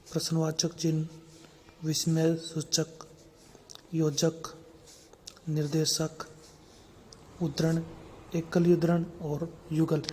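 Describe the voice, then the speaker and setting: A man's voice: a little high, dark tone, slight background noise. A man teaching a grammar lesson for exam preparation, listing terms steadily and repeating key words.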